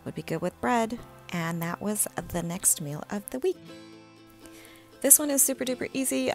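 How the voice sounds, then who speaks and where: A young woman talking through her home cooking in a relaxed, chatty voice-over, with frequent ums and little laughs. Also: fairly low pitch. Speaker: home cook vlogger. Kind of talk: casual cook-along voice-over.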